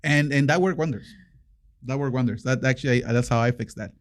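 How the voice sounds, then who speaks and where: A man with a non-native English accent, co-hosting a casual podcast chat as a parent, joking and animated with frequent restarts. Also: mid-range voice, fairly quick. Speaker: podcast co-host.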